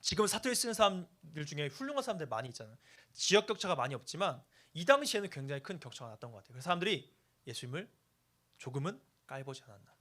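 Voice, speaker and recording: A man's voice: a little high, sing-song, racing, fairly bright tone. A young man from Chungcheong, a youth pastor giving a playful sermon to teenagers, joking and acting out dialect quotes. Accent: Seoul Korean, with Chungcheong traces. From Chungcheong, Korea.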